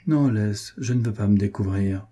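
Man reading a king, calm, authoritative, dark husky tone. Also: on the low side, moderate pace. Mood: wry. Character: jovial, commanding adult male king.

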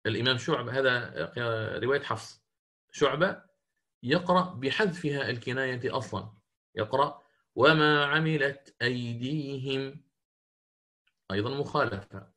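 A man teaching a lesson on Quran recitation, explaining patiently and slowing down to chant verses as examples. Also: medium pitch, pushed and bright. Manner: explains patiently, checks in with listeners.

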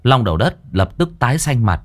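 A man's voice: medium pitch, sing-song, brisk. A man narrating a ghost story in a dramatic storytelling manner.

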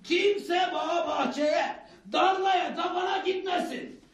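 An actor playing a bossy village watchman in a radio play, calling out drawn-out shouted announcements like a town crier. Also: very high voice, steady tone, heavily acted. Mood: loud proclaiming. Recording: very echoey, distant, music and crowd behind.

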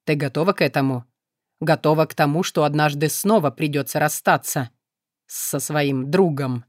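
A woman's voice: low voice, normal speed, no room sound, clean studio sound, voice pushed down, lightly acted. A woman voicing a cold male shadow demon. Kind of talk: audiobook character voice.

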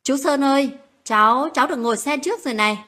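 A woman doing a bright, piping little boy. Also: high voice, normal speed, breathy edge, exaggerated voice. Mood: excited. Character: small excited boy, cheerful and chatty.

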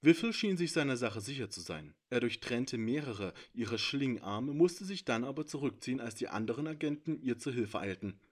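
A man narrating his own fantasy story in a measured storytelling manner. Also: mid-range voice, animated. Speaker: author and narrator. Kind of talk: audiobook narration.

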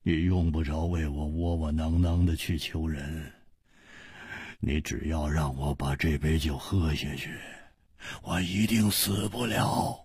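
A man's voice: fairly high pitch, very animated, measured pace, slightly rough, no room sound, studio quality, voice pushed up, full character voice. A man voicing a brash, carefree young swordsman who blusters and stammers. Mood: reckless. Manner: loud, boisterous, stammering fillers. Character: brash carefree young male swordsman, poisoned yet joking.

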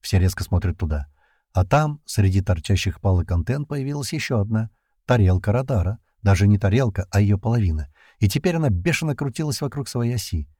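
A man narrating an adventure audiobook in the first person, in a steady storytelling manner. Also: fairly low pitch, a little fast, no room sound, studio quality.

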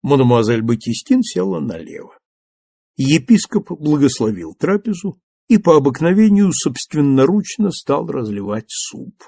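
A man narrating an audiobook in an even, measured storytelling manner. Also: fairly high pitch, gravelly, no room sound, clean studio sound.

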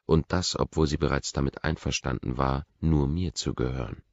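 A man reading a first-person audiobook narration in a measured, restrained way, on a dry, dull lo-fi recording. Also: extremely low pitch, fairly even intonation, gravelly, dry recording.

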